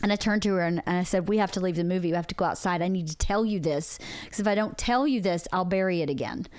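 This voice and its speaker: Her voice fairly low and a little mellow, this podcast co-host in her forties talks fast while reflecting earnestly and candidly on a hard thing she went through. The recording is dry.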